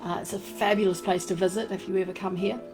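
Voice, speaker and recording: A woman's voice: mid-range voice, fairly even intonation, quick pace, a little mellow, soft background music. Chatty New Zealand woman gushing over crystals. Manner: chatty and rambling, many fillers, gushing "fabulous" and "beautiful". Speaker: crystal and essential oil live-stream host. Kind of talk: casual live-stream chat. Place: home room. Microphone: desk microphone she turns around.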